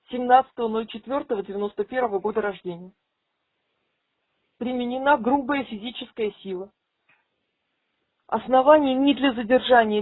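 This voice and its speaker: A woman's voice: fairly high pitch, no echo. A woman advocate making a firm, insistent formal complaint over a phone call taped on a dictaphone. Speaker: migrant rights advocate. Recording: tinny dry phone line.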